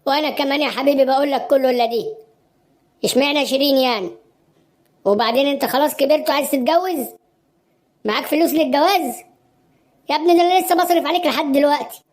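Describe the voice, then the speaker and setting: A woman's voice: sits high, quick pace, long pauses, lightly acted. A woman voicing a stern middle-aged father in a cartoon, scolding with an Egyptian Arabic accent. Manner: scolding, lecturing.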